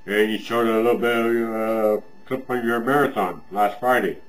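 A man's voice: on the low side, fairly even intonation, normal speed, low-quality recording. A man talking with a pipe in his mouth, giving a rambling, friendly weekly review of other people's videos and repeating himself. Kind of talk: casual weekly review vlog.

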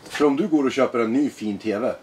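A man being interviewed as a guest, talking in a blunt, animated, profane way. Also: medium pitch, a little hiss or hum. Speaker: guest, former extremist. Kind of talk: personal interview conversation.

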